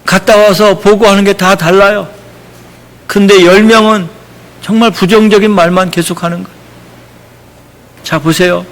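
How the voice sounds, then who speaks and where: A man's voice: sits high, fairly even intonation, moderate pace, pauses often, a bit bright. A male pastor preaching a sermon in a church sanctuary, emphatic and conversational, often acting out quotes. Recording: echoey church hall.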